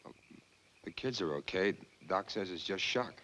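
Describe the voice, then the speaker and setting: A man's voice: low voice, expressive, normal speed, fairly bright tone. An actor playing a bitter, defensive young Southern man with a terse, guarded way of talking, in a 1940s film. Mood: subdued. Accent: American Southern. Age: young adult. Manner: terse, guarded, flaring into anger. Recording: old film soundtrack with music.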